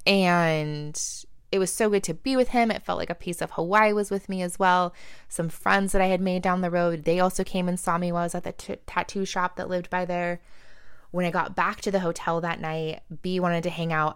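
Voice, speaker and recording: A woman's voice: lowish voice, clean tone, no echo, studio quality. A woman in her thirties hosting a podcast, casually recounting a solo trip, speaking chattily with lots of "like" and acting out what people said. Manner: chatty, says "like" often, acts out quotes. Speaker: podcast host. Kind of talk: casual storytelling monologue.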